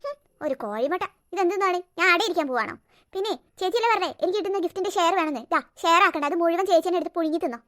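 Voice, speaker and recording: A woman's voice: very high voice, lively intonation, racing, a bit bright. A woman voicing a sulky, greedy young teenage girl in a cartoon, complaining in an indignant, whiny way. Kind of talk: cartoon voice acting.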